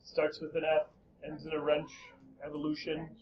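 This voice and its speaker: A male high school history teacher lecturing his class in a lively, joking way and quizzing students. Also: normal speed, highs cut off, a crowd in the background.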